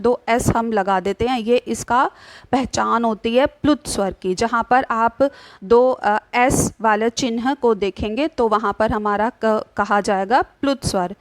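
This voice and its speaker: A woman teaches grammar in a slightly high voice, recorded close with no room sound. She poses questions and answers them herself, checking in often with the class. When she demonstrates vowel sounds, she draws them out slowly. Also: no echo. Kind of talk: explaining a grammar lesson.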